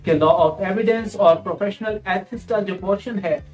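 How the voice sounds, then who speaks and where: Speaking a little slowly in a darkish, medium-pitched voice, a woman with a Pakistani accent tutors students for an exam. She explains, goes back over the important points, and drops in English terms.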